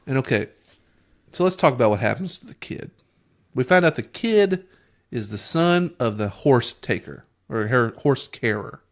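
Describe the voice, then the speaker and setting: Man, mid-pitched, casual podcast co-host, exasperated and sarcastic ranter. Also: expressive, normal speed. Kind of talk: casual review chat.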